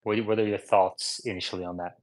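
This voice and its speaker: A man's voice: on the low side, steady tone, a little fast, darkish tone, no echo, poor audio. A man hosting a casual live audio discussion, reading news articles aloud with offhand comments and fillers. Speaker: host of a live audio space.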